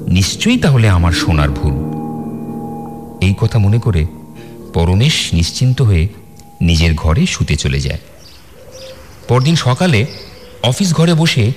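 A man narrating a ghost story in a dramatic, expressive way, acting out the dialogue. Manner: expressive, acts out dialogue with rising pitch. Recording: reverberant with loud background music.

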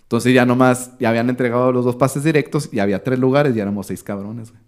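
A Mexican man in his thirties chats as a podcast guest with a mid-range voice. He tells his story in a loose, slangy, lively way and acts out the voices of the people in it. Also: medium pitch, fast talker. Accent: Mexican Spanish. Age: 30s. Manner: animated, slangy, acts out what others said. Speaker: podcast guest, sports commentator. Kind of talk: casual storytelling chat.

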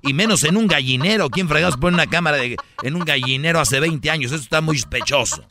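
A man's voice: a little high, fast talker, background noise, close to an everyday voice. A man playing an indignant bald defense lawyer in a comedy radio mock trial. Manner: objecting, indignant.

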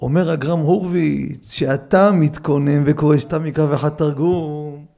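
A middle-aged rabbi with a high, gravelly voice teaches in a study hall. He keeps things lively, acting out little scenes and slipping humor into the lesson. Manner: animated storyteller, acts out scenes with humor. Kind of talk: Torah lesson with anecdotes.

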